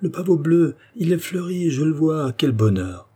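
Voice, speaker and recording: A man voicing an excitable elderly godfather who proudly shows off his flower, exclaiming with delight. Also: medium pitch, normal speed, slightly rough, natural voice. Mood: overjoyed. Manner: eager, exclamatory, boastful.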